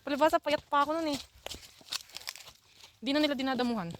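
Breathless high-voiced woman on a hike. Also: quick pace, fairly bright tone, a little hiss or hum. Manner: teasing, laughing, swearing playfully. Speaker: vlogger hiking with her partner. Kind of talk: casual couple banter. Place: outdoors on a forest trail.

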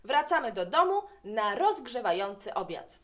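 A woman's voice: on the high side, sing-song, normal speed, a bit bright. A woman voicing a kindly, good-humored father in a children's storybook, in a hearty, encouraging way.

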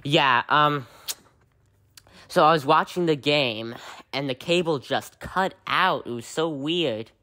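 A man's voice: a little high, slow pace, bright, forceful tone. An actor playing a frustrated man who calls his cable company about an outage in a short film. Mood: exasperated. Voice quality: exasperated. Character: frustrated male cable customer. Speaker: caller. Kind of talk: short film comedy acting.

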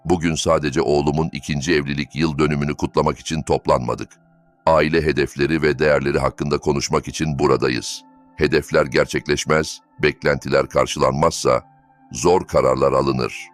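A man voicing a stern, wealthy older father-in-law who speaks slowly and formally. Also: rumbling low, steady tone. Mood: cold, formal. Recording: faint background music.

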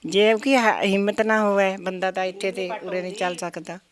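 An older woman who tells lively, folksy stories in a casual chat. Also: medium pitch, moderate pace. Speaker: village elder interviewee.

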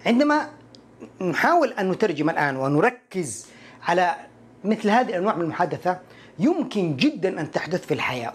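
A man teaching English in an online lesson, explaining patiently and repeating short English phrases slowly while talking straight to the viewer. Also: high voice, slightly rough. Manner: addresses the viewer directly.

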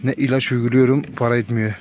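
A man's voice: medium pitch, flat delivery, fast, a little mellow, slight background noise. A man vlogging among his dogs, talking to viewers and cooing fondly at the animals, his voice jumping up when he speaks to them. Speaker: dog breeder vlogger. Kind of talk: casual talk to dogs and viewers.

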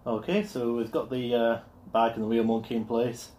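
A product reviewer speaks at normal speed in a warm, medium-pitched voice with fairly even intonation. He shows off a product in his home garage, where the sound echoes, recording on his phone camera and stumbling through many ums and uhs.

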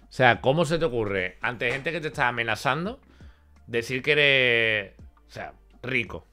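A man's voice: mid-range voice, animated, a little slow, pushed and bright, soft background music. A man hosting a reaction stream, commenting incredulously and repeating his points for emphasis. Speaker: host reacting to a clip.

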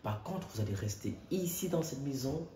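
A woman doing a deep-voiced gentle dad. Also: animated, moderate pace, far from the mic, slight background noise. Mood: tender. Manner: gentle, lowered put-on voice. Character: calm loving father of the children. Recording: roomy echo, from off-mic.

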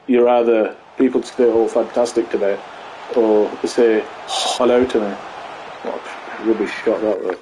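Chatty gaming host. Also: male voice, medium pitch, slight background noise, low-quality recording. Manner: rambling, chatty, talks to viewers while playing; excitable bursts at goals. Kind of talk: live football game commentary.

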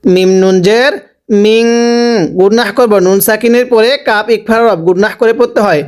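A man teaching Quran recitation by spelling out each syllable, slowly drawing out the words as he recites them and pausing to explain the rules. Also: sits high, steady tone, clear, resonant tone. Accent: Bangladeshi Bengali. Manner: slow, drawn-out recitation of syllables, with instructions in between.

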